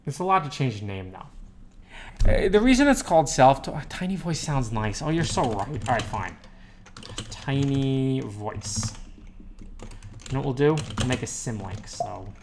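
Male streamer, mid pitch, casual coding talk-through with half-muttered asides; desk mic, soft typing underneath. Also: big pitch swings, normal speed, slight background noise. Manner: rambling, muttered asides to himself while typing. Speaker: programmer livestreaming. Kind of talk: casual live-coding commentary. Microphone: desktop USB microphone. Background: faint keyboard typing.

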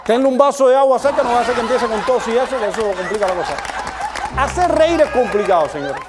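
A man from Cuba performs a stand-up routine with a high, bright voice. He jokes with the audience and acts out silly laughs. A faint hiss of noise sits behind him. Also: animated, quick pace, crowd noise. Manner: joking, addresses the audience directly. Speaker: comedian host. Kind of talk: stand-up monologue.

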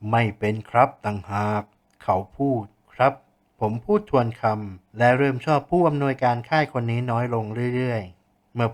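Man narrating a storybook, steady read. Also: medium pitch. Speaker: audiobook narrator. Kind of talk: first-person storybook narration.

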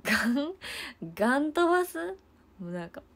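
A woman's voice: sits high, sing-song, moderate pace, fairly bright tone. Giggly young woman with lilt. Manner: giggly, chatty, laughs often. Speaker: idol livestreaming to fans. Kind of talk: casual livestream chat.

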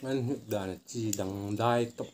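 A man from Northeast India hosts an eating video, speaking with his mouth partly full. His voice sits a little low and sounds soft and dark. He drops brief, offhand comments between bites, with faint noise behind him. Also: takes it slowly. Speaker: mukbang vlogger. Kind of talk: casual eating-show chat.

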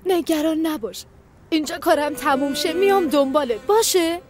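A woman's voice: high voice, a little mellow, faint music behind, close to an everyday voice. A woman playing an anguished pleading mother. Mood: tender. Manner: pleading, emotional. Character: anguished mother longing for her young son. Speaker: dub actress. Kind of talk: dubbed TV drama.

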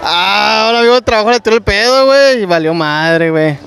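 A man's voice: high voice, fairly quick, gravelly, fairly bright tone. A young man with a Mexican Spanish accent hosting a street game at an outdoor market on a handheld mic, teasing the couple and hyping the crowd with slang. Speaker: street prank show host. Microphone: handheld microphone.

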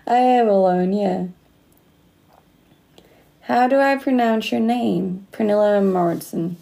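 Speaking slowly in a mid-range, creaky, warm voice, this livestream host chats casually and reads comments aloud. She's a Danish woman in her late twenties with a slight Australian accent, laughing often in an indoor room with her phone close to her face.

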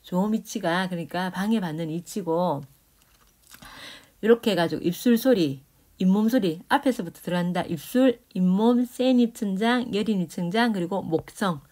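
A woman's voice: medium pitch, moderate pace, mellow. A woman teaching Korean grammar, explaining speech sounds, demonstrating consonants aloud and checking in with her students. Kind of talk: lecture explaining phonetics.

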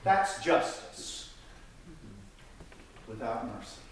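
A pastor in his fifties preaches from a church pulpit, drawing out his words while gesturing animatedly and swinging his voice high and low. Captured on a pulpit mic and filmed from the pews, the recording of the sanctuary is echoey and distant with slight background noise.

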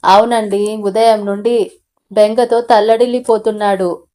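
A woman voicing a gentle, worried middle-aged mother who soothes her son and pleads with her husband, in a storybook audio novel. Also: mid-range voice, fairly even intonation, a little slow, lightly acted. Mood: pleading.

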